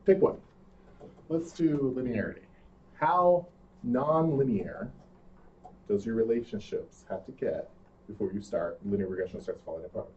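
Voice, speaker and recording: A man's voice: fairly low pitch, animated, moderate pace, pauses often, a little mellow. A man presenting in a seminar, playfully quizzing his audience during an interactive lecture. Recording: distant muffled room recording.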